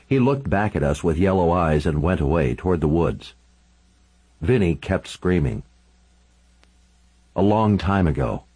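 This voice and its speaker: A man's voice: low-pitched, big pitch swings, unhurried, long pauses, darkish tone, breathy edge, low-quality recording. A man reading a first-person story aloud as an intense, dramatic narration.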